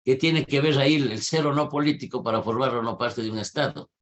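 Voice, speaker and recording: A man's voice: mid-range voice, fairly quick. Didactic man lecturing in an online class. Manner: questioning, didactic, challenges students' answers. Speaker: university lecturer. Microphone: video call.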